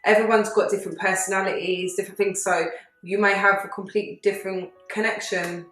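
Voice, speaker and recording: A woman's voice: medium pitch, flat delivery, quick pace, a bit bright, faint music behind. A woman with a British accent co-hosting a YouTube chat, reacting to confessions in a blunt, opinionated and very sweary way. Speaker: YouTube co-host. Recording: echoey room.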